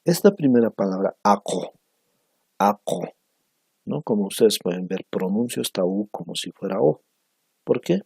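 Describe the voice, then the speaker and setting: A man teaching a language lesson on speech sounds, talking in a slow, measured way and repeating syllables for pronunciation, often tagging phrases with a questioning "no?". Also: low-pitched, creaky, a little mellow, breathy edge, no room sound. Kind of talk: recorded lecture on phonetics.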